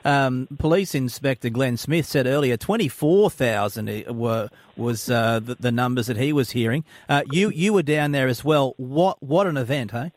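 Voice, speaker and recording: A man's voice: mid-range voice, normal speed, few pauses, no echo. A man with an Australian accent hosting a casual radio interview in a chatty, matey way from a studio. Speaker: radio host.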